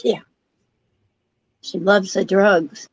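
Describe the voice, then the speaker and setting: A woman co-hosting a casual chat, giving brief, low-key replies. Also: fairly even intonation, extremely slow, breathy edge, dry recording, lo-fi sound. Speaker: co-host.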